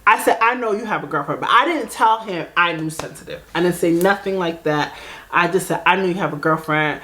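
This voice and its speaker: A young woman spins a dating story in a loose, chatty way, full of "like" and little asides. Her voice sits a little low, and she leaps up in pitch whenever she acts out what someone said. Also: fairly quick. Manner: animated, acts out quoted voices with big pitch jumps; chatty, full of fillers like "like" and "blah, blah". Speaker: storytime vlogger. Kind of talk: casual storytelling.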